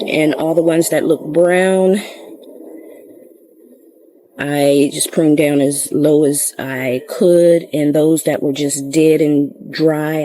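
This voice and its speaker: A woman's voice: low-pitched, warm tone, poor audio. A woman chatting casually through a gardening vlog outdoors in her garden, rambling with fillers and out of breath. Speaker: gardening vlogger. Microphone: camera set up nearby.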